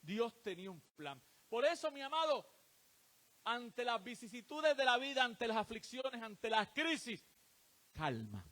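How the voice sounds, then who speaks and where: A male preacher with a high voice that rises and falls a great deal. He drives his sermon with rhetorical questions and answers them himself. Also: unhurried. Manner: animated, rhetorical questions to the congregation.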